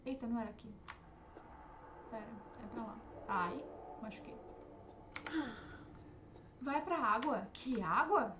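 A young woman, streaming herself playing a game and reacting with excitable, panicky outbursts. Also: a little high, unhurried, long pauses, muffled recording, noisy background. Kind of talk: live gameplay commentary.

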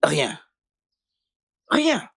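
A man's voice: high-pitched, huge pitch swings, normal speed, slightly rough, no room sound, heavily acted. A man voicing a pompous young male house worker in a dubbed film who corrects others' words and mocks them.

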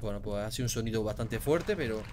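A man's voice: fairly low pitch, expressive, fast talker, heavy background noise. A man with a Spanish accent from Spain, giving casual, jumpy let's play commentary, swearing often and reading in-game notes aloud. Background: game music.

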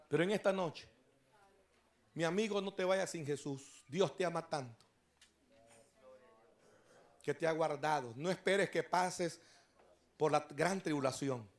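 High gravelly-voiced preacher. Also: male voice. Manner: storytelling preacher who rises to shouted exhortation. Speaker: pastor. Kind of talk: evangelistic sermon. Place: church service.

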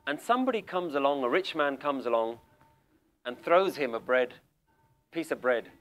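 A man's voice: mid-range voice, expressive, moderate pace, a bit bright. A male spiritual teacher giving an emphatic, questioning talk to a group seated in a room. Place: room with a small audience.

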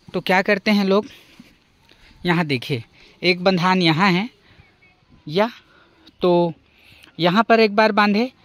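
A man's voice: sits high, a bit bright, no room sound. A young man narrating a vlog outdoors at a forest stream, explaining step by step what he shows the viewer. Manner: explanatory, points things out to the viewer. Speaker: vlogger.

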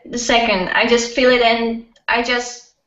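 A young woman with a Polish accent, a guest in a casual video-call interview, talking haltingly with many fillers and restarts. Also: a little high, fairly even intonation, fairly bright tone. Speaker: guest musician. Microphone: webcam. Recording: distant, echoey, dull webcam audio.

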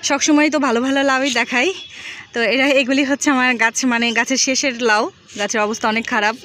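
Speaking fast in a high, slightly bright voice, a Bangladeshi-accented rooftop garden vlogger chats with viewers and goes over some points more than once. The setting is an open city rooftop, recorded on a handheld phone behind the camera with noisy outdoor sound.

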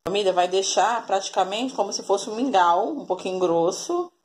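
A Brazilian vlogger in her forties chats through a casual cooking vlog, often calling her viewers family, first in her home kitchen and then out in a yard. She films on a phone camera held at arm's length. Her voice is medium-pitched, expressive, and darkish, at a moderate pace.

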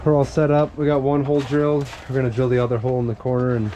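Young male outdoors vlogger, mid-pitched, upbeat and playful, handheld camera with steady noise behind. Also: racing. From North Dakota, USA. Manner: upbeat, playful, stutters words for fun. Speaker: fishing channel host. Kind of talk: casual outdoor vlog. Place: car, then ice-fishing tent on a frozen lake. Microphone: camera held at arm's length. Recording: noisy outdoor camera audio.

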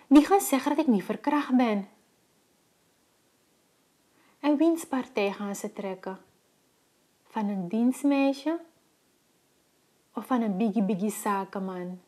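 A woman's voice: a little high, dark tone. A woman with a Surinamese Dutch accent, a domestic worker speaking a scripted monologue in a troubled, searching way. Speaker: domestic worker telling her story.

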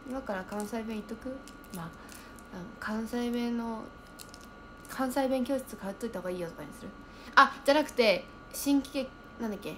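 A young woman chatting casually on a livestream, reading viewer comments aloud and thinking out loud as she reacts. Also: a little high, moderate pace, slight background noise.

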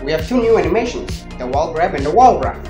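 Speaking fast with lively intonation and a slightly high voice, this young tutorial host narrates a scripted programming lesson step by step in a playful tone. His handheld mic, fitted with a furry windscreen, picks up the roomy echo of an indoor space, with music playing clearly underneath.

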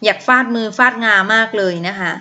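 A woman's voice: medium pitch, steady tone, brisk, sharp tone. A woman primary school teacher reading a story aloud and explaining words to young pupils in an online class, patiently calling on children one at a time. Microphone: video call. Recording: dull lo-fi video call audio.

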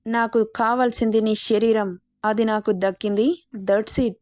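A cold, arrogant young man who threatens without raising his voice, as a woman narrator reads him out. The voice sits a little high and sounds close and dry. It is a storybook reading. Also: fairly even intonation, measured pace, a little mellow, no echo, natural voice. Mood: cold, menacing. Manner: menacing, dismissive.

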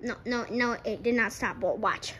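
A goofy, giggly woman hosts a playful home sketch with toys. Her high voice jumps into sudden shouts, over faint background ambience. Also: normal speed, slight background noise. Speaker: video maker.

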